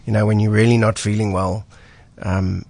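Feeling a little under the weather, this weekly radio guest, a mountain guide, sounds husky as he talks casually in the studio. His pitch is fairly low and his pace moderate, with plenty of ums and repeated words, on a low-quality recording.

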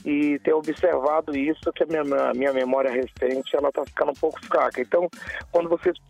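A man in his fifties from São Paulo, calling in to a radio show over a phone line, speaking politely and a little haltingly. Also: on the high side, fairly even intonation, vocal fry, darkish tone, soft background music. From São Paulo, Brazil. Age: 50s. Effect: heard over a phone line. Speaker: radio caller. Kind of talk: call-in conversation.

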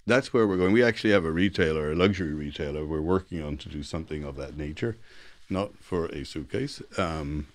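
A technology executive from Dublin, Ireland, middle-aged or older, appears as an interview guest with a rumbling low voice and a brisk delivery. He tells his stories conversationally in a Dublin accent, voicing the dialogue himself and hammering points home through repetition.

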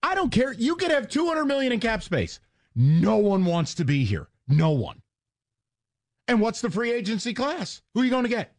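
A man's voice: high-pitched, very animated, normal speed. A male sports talk host ranting sarcastically with mocking jabs and heated emphasis.

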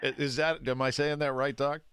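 A man's voice: mid-range voice, level tone, a little fast, fairly bright tone, smooth, no echo. A man co-hosting a morning radio show in a studio, chatting playfully and teasing his guest. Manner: playful, teasing, reads sponsor promos. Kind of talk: casual morning radio chat. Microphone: studio microphone.

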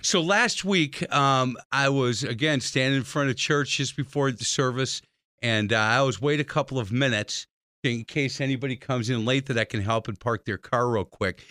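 A man hosting a radio talk show, telling stories in a lively, jokey way. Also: moderate pace, dry recording, studio quality. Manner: animated, jokey, swings pitch widely when telling stories. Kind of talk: lively conversational storytelling.

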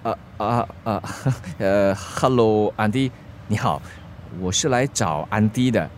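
A young adult male actor in a radio drama plays a proud, easily flustered young driver with a Singaporean accent. His lowish voice moves slowly as he blusters and stammers, sounding flustered and nervous, with slight background noise.

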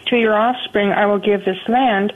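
An older woman calling in over a thin, phone-filtered line. She chats at an ordinary pitch and stops and restarts her sentences often as she works out her question. The sound is narrow and tinny, as a caller heard on radio. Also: fairly even intonation. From Southern California. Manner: chatty, halting, with many restarts.

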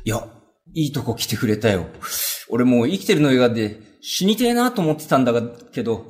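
A man's voice: mid-range voice, sing-song, brisk, a little mellow, close to an everyday voice. A man playing a broke male carpenter who gambles, talking in casual, coaxing street speech in a rakugo story. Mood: weary.

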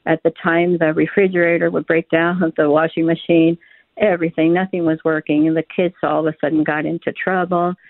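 An older woman calling in to a radio show over a phone line. She tells a personal faith story in an earnest, halting way, with many fillers and restarts. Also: sits low, dry recording. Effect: telephone line. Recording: tinny dry phone line.

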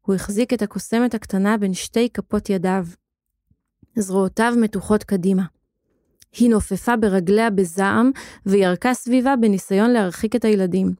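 A woman giving a steady, expressive scripted narration of a children's story. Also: mid-range voice, dry recording, clean studio sound.

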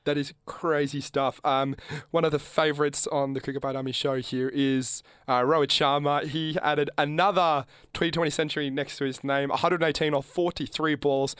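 A man's voice: fairly high pitch, moderate pace, smooth, no echo, studio quality. A man co-hosting a casual sports chat, talking loosely and laughing often. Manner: chatty, laughs often, animated when joking. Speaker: podcast co-host.

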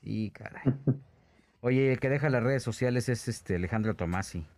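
Man hosting, relaxed filler-laden chat. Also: medium pitch, moderate pace, no echo. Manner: relaxed, uses filler words often. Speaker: entertainment show host. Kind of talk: casual gossip chat.

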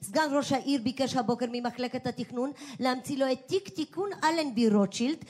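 An actress playing an unflappable city-hall secretary in a radio comedy sketch, formal and curt, always by the book. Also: female voice, sits high, darkish tone. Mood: officious. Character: prim female municipal secretary, unflappable bureaucrat.

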